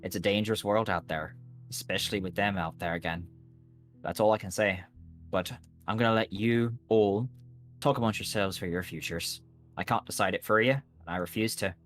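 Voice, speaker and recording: A man playing a weary, guarded agent in a tabletop game, speaking in a grave, measured, cautioning way. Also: fairly low pitch, a bit bright, faint music behind, natural voice. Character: weary, guarded male agent warning adventurers off.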